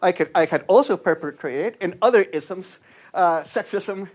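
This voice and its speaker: A man from Guatemala speaks in a high voice at normal speed, giving a university lecture as a guest anthropologist. He keeps it conversational, ending his points with "right?".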